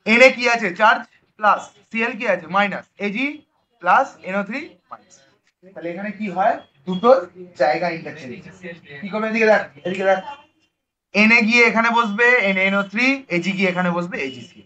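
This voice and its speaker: A man teaching chemistry in a classroom lecture, lively and coaxing, often checking that the students follow. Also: high-pitched, fairly quick, muffled recording.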